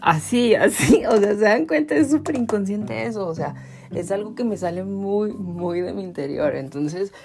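A man's voice: sits high, animated, moderate pace, creaky, warm tone, soft background music. A man with a Mexican accent hosting a podcast, chatting casually to his listeners and filling his talk with "o sea". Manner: chatty, many "o sea" fillers. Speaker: podcast host.

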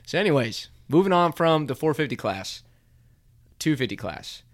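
A man's voice: a little high, big pitch swings, normal speed. Guy co-hosting a moto podcast, casual and chatty, jokes at his own expense. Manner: chatty, self-deprecating, laughs easily. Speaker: podcast co-host. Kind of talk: casual chat about motocross.

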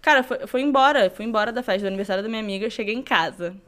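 A woman's voice: medium pitch, racing, fairly bright tone. A young woman, a podcast guest telling a story animatedly and acting out other people's lines. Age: young adult. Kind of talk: casual storytelling.

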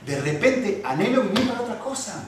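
A man preaching a sermon in an animated, emphatic way, repeating phrases for emphasis. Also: sits high, a little fast, a crowd in the background. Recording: echoey room from far off, faint background noise.

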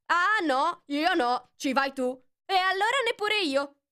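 A woman voicing a crowd of fussy little animals shouting orders at each other in a flustered way. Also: extremely high pitch, expressive, unhurried, pitched above the performer's own voice, full character voice.

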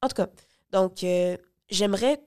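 A woman's voice: medium pitch, unhurried, darkish tone, clean tone. French-speaking woman hosting a community radio show. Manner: rambling, restarts, many fillers. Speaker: radio host. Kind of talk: casual radio talk. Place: radio studio.

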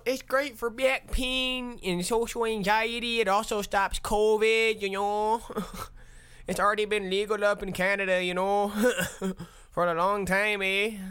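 A man voicing a chipper, folksy Upper Midwest man pitching cannabis in an exaggerated Minnesotan accent, sing-song and salesy. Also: a bit bright, clear, resonant tone.

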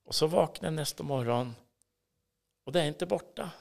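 A man's voice: on the high side, vocal fry. A man with a Swedish accent telling his personal faith story in an interview, earnest and intense, sometimes dropping to a whisper. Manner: earnest, swings between hushed whispers and emphatic bursts. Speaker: interview guest. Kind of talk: personal testimony in a casual interview.

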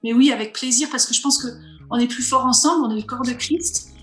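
A woman's voice: a little high, a little fast, a bit bright, echoey room. A woman guest leading a ministry for singles, speaking earnestly and encouragingly.

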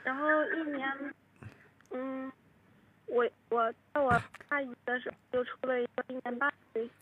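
A woman's voice: high voice, steady tone, breathy edge, dry recording, narrow, tinny audio. A woman in her twenties calling in to a radio show, speaking hesitantly while her phone audio glitches and breaks up. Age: 20s. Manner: hesitant and halting. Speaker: radio call-in caller. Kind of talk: phone-in confession.

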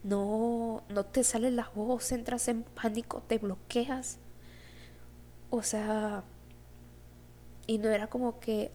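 A woman's voice: on the high side, dark tone, a little hiss or hum. A young woman with a Mexican Spanish accent telling a personal story in a casual, rambling vlog style, full of fillers and acted-out dialogue. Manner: rambling, heavy filler "o sea, como que"; acts out quoted dialogue. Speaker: vlogger.

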